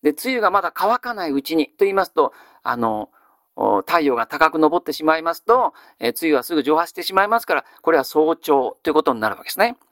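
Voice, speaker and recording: A man's voice: fairly high pitch, big pitch swings, fairly bright tone, no echo, clean studio sound. Male teacher quizzing a class. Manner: measured, quizzing, then answering own questions. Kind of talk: classical Japanese grammar lesson.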